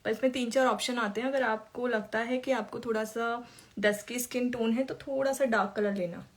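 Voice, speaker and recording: Woman makeup teacher on a live stream, slightly high voice, chatty and informal, answers viewers as she works. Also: steady tone, fairly quick.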